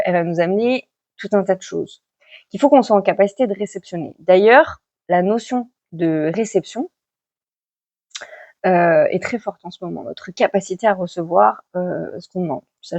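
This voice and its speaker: A woman with a low-leaning, creaky, darkish voice gives weekly tarot guidance in a casual, chatty vlog, full of fillers and self-corrections. The recording has no room sound and its highs are cut off.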